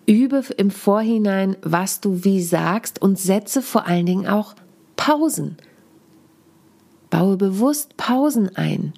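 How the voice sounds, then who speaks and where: A woman's voice: mid-range voice, darkish tone. German-speaking woman coach, slightly cold-voiced. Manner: deliberate, coaching tone, demonstrates stresses. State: lingering cold. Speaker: podcast host and speaking coach. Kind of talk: solo podcast talk.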